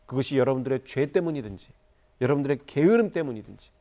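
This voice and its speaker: A man's voice: mid-range voice, animated, normal speed, darkish tone. A Korean man preaching a church sermon, telling a moving story and rising to fervent appeals. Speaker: pastor.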